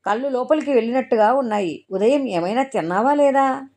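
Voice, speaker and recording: A woman's voice: a little high, fairly quick, darkish tone, voice pushed up, natural voice. A woman doing a worried, protective young friend. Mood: concerned. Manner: concerned, questioning.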